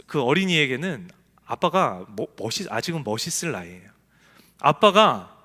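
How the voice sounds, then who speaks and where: Pastor, male, bright forceful tone, echoey sanctuary; emphatic preacher who acts out quotes. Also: fairly high pitch. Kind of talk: sermon. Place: church sanctuary. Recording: echoey church hall.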